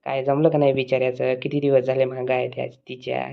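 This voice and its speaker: A woman's voice: rumbling low, level tone, fast, creaky, narrow, tinny audio. A woman voicing a sly, wheedling village schoolboy in a cartoon. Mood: sly teasing. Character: Pappya, sly village schoolboy, pleading and cheeky.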